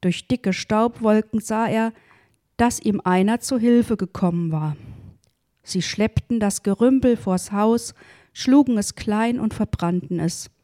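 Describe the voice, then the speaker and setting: Slow, mellow woman reading a devotional story. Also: medium pitch, no room sound, clean studio sound. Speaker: devotional reader.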